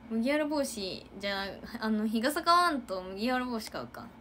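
Chatty young woman with lively pitch. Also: moderate pace, a little hiss or hum. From Japan. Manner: chatty, giggly, acts out loud quotes. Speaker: idol livestreamer. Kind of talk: casual livestream chat with viewers.

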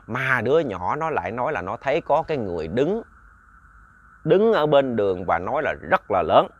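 A man's voice: mid-range voice, big pitch swings, moderate pace, highs cut off. A man narrating a ghost story in a chatty, casual way, often repeating words and talking to listeners like family.

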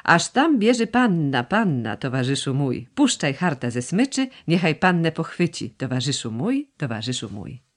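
A woman's voice: low-pitched, sing-song, moderate pace, few pauses. Woman singing as a cheerful old man. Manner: sings a folk tune.

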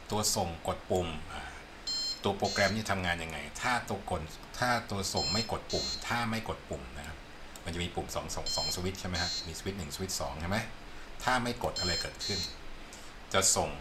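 A man teaching a coding tutorial over a screen recording, unhurried, explaining step by step and often checking that the viewer sees. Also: sits low. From Thailand. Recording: loud background noise.

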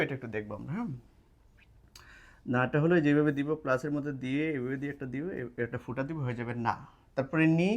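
A man teaching casually at a board, explaining step by step and checking in often with his listeners. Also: a little high. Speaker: language teacher. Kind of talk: casual spoken lesson at a board. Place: indoors, classroom or study room at a board. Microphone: camera mic while writing on a board.

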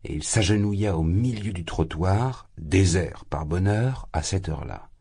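A man narrating an audiobook in a measured reading. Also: deep voice, lively intonation, mellow, husky. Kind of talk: scripted narration.

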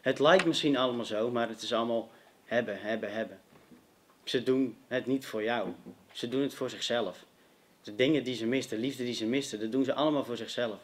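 A man's voice: medium pitch, a little fast, slight background noise. A young man giving an earnest personal testimony to a youth meeting, speaking directly and emphatically to his listeners.

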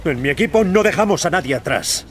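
A man's voice: on the high side, animated, brisk, background noise, lightly acted. A man playing a resolute, loyal military captain in an action game, with a Castilian Spanish accent.

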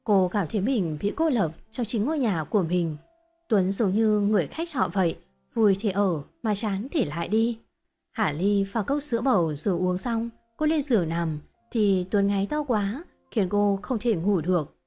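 A woman reading a short story as narrator in a steady, even storytelling voice. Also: medium pitch, moderate pace, faint music behind.

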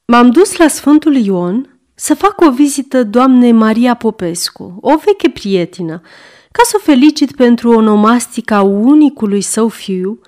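A woman's voice: mid-range voice, darkish tone. Woman narrating a classic short story. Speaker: audiobook narrator.

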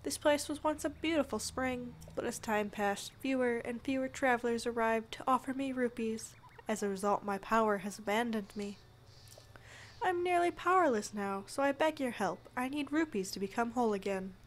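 A woman's voice: a little high, normal speed, lightly acted. A woman reading as a dramatic pleading fairy. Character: great fairy, female spirit, dramatic and pleading.

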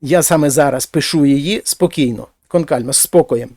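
Male language teacher, slightly high voice, patient explanations, dry close recording. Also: no room sound. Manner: explains slowly, speaks example phrases louder and higher. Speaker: Spanish teacher. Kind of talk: language lesson.

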